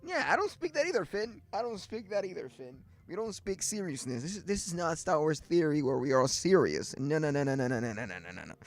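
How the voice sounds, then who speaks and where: A man's voice: on the high side, big pitch swings, quick pace, few pauses. Rambling man hosting a casual livestream. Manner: rambling, many fillers and restarts. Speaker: livestream host. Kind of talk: casual chat. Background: faint music.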